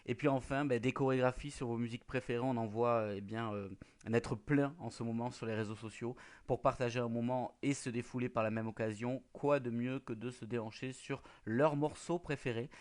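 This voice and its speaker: A man hosting a local radio show, reading out tips and often pausing on filler sounds. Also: medium pitch, steady tone. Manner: hesitant, many filler sounds between phrases.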